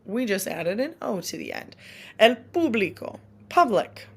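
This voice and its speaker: A woman's voice: mid-range voice, big pitch swings, gravelly, slightly rough. Patient woman teaching a recorded lesson. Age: adult. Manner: patient, explains slowly, repeats example words. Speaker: Spanish teacher.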